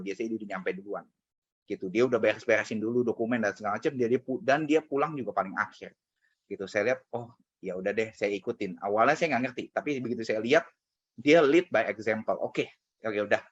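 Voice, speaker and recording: This motivational speaker has a mid-range voice that's a bit bright and slightly rough. He shares a personal story with colleagues in a casual talk full of fillers, captured on a dull lo-fi recording.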